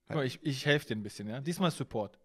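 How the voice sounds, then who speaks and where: A man's voice: mid-range voice, lively intonation, quick pace. A man co-hosting a casual podcast chat, playfully teaching his friend words in a teasing way. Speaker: podcast co-host.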